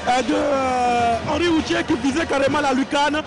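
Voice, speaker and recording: Very high-voiced male football pundit. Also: moderate pace. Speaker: football co-commentator. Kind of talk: live sports commentary, analysing replays. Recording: loud crowd, music behind. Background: stadium crowd, music.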